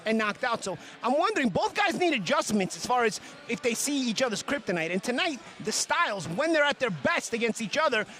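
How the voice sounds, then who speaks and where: A male boxing analyst previews fights in a very high-pitched voice. He talks quickly and emphatically, circling back to repeat phrases. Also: big pitch swings, bright, forceful tone. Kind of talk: live fight preview commentary.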